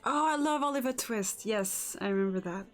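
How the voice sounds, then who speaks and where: A woman's voice: on the high side, animated, normal speed, faint music behind. A woman from Singapore hosting an interview, chatty and encouraging. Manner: chatty and encouraging, many short backchannels. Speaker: show host. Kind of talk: interview chat.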